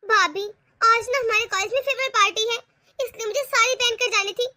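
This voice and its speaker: A woman's voice: extremely high pitch, steady tone, brisk, bright, forceful tone, no echo, full character voice. Woman playing a spoiled young college girl. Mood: wheedling. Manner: pleading, wheedling.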